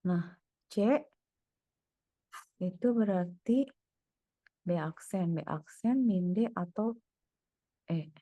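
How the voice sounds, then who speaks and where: Woman tutor, unhurried delivery, dry close sound, mutters through each step while thinking aloud. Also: on the low side, expressive, dark tone, no room sound. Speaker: private tutor. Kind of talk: one-on-one tutoring, working through problems aloud.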